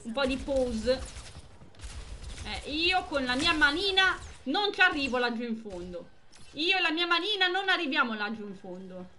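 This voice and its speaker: A young woman streaming a game live, chatting with viewers and exclaiming excitedly over the action. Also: high voice, normal speed, slight background noise. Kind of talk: live gameplay commentary.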